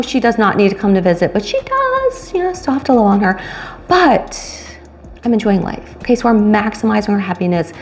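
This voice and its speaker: A woman in her late fifties talking casually to camera about retirement, chatty and animated, speeding through asides and slowing on key phrases. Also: medium pitch, a little hiss or hum. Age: 50s. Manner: chatty, animated, swings between quick asides and slow stressed phrases. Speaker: retirement vlogger and coach. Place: home room, indoors.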